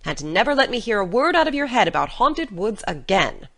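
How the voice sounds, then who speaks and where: A woman's voice: mid-range voice, big pitch swings, a bit bright. Stern, no-nonsense older guardian played by a woman for audiobook drama; firm, scolding, with sharply swinging intonation. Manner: brisk, scolding, incredulous, firm. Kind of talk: dramatic audiobook character reading.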